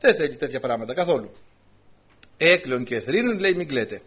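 A man's voice: medium pitch, sing-song, a bit bright, breathy edge. A man preaching a sermon with passion. He asks the congregation rhetorical questions and keeps calling them brothers. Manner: impassioned, rhetorical questions, often addresses listeners as brothers.

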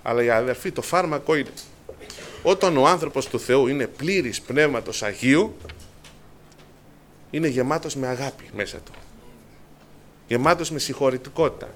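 A man preaching a sermon to his congregation, addressing them as brothers, with rising passion at the high points. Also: long pauses, slight background noise.

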